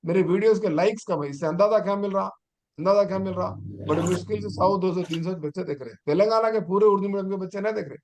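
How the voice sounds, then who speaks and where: A man's voice: sits high, fast, darkish tone. A middle-aged man, a teacher trainer giving an online exam-prep lecture and urging his students on with rhetorical questions.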